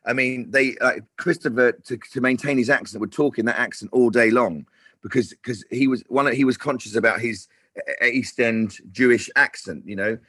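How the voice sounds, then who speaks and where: A man's voice: medium pitch, moderate pace, bright, forceful tone, breathy edge, no echo. A man who directs television, talking about his work in a casual interview with lots of restarts and fillers. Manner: rambling, many restarts and fillers.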